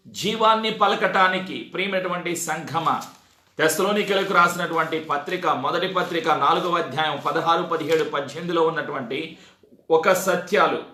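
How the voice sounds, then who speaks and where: A man's voice: sits high, sharp tone, reverberant. A man pastor delivering an emphatic sermon, repeating calls to his congregation. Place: church.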